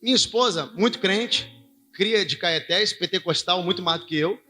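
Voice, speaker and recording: A man's voice: high-pitched, moderate pace, pushed and bright. A married man preaching a sermon, telling a story to his congregation in a conversational way and calling listeners brother and pastor. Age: adult, married father.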